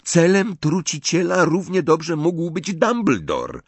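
A man voicing a sharp, reasoning teenage girl in a storybook reading. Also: fairly high pitch, sing-song, slow pace, husky, no room sound, pitched above the performer's own voice, full character voice. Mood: arguing.

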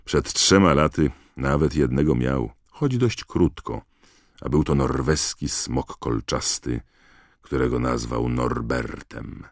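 A man narrating an audiobook in a measured, expressive storytelling manner. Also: extremely low pitch, no echo, clean studio sound. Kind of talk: scripted narration.

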